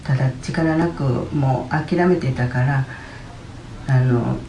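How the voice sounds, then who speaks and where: A woman giving a personal healing testimony at church, telling her story in a chatty, lively way. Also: rumbling low, slow, reverberant, a little hiss or hum, poor audio. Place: church hall.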